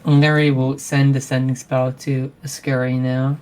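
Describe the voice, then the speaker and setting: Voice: mid-range voice, level tone, a little slow, a little mellow, smooth. A player in a tabletop role-playing game, chatting casually and speaking for their character.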